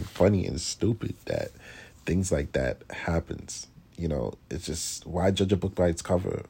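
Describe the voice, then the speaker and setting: A man's voice: low voice, breathy edge. A man, a classical pianist telling his story in a blunt, profane, casual way. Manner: blunt and profane, with animated impressions of others.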